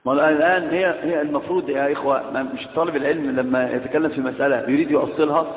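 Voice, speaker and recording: High-voiced Egyptian sheikh teaching in a hall. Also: male voice, steady tone, very fast. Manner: questions the class, mixes classical and colloquial Arabic. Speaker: religious teacher. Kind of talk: religious lesson to students. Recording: echoey hall, tinny lo-fi sound.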